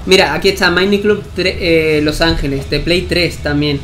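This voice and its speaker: A man's voice: a little high, steady tone, moderate pace, a bit bright, slight background noise. A man with a Spain Spanish accent, giving casual gameplay commentary with swearing and chatty asides. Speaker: gaming YouTuber.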